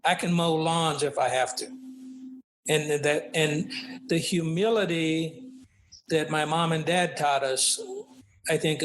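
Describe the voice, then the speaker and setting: An older man, a guest and author, is interviewed conversationally and speaks reflectively, using lots of fillers and tag questions. His voice is a little high and a bit bright. The recording is rough, with faint background noise.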